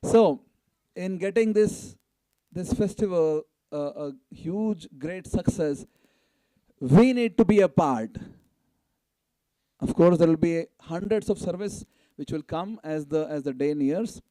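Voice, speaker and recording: This fairly high-pitched man talks slowly, with lively intonation and a dark tone, and there is no echo. Addressing a gathering at a temple event live, the temple's announcer and fundraiser exhorts the community and prompts them to respond to his fundraising calls.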